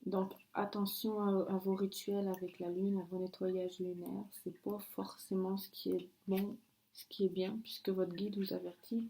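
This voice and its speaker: A woman with a voice of average pitch leads a spiritual oracle card reading. She speaks earnestly and gives firm warnings. She often breaks off mid-phrase and starts again. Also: little pitch movement, creaky, dark tone. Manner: earnest, halting, with frequent restarts and apologies.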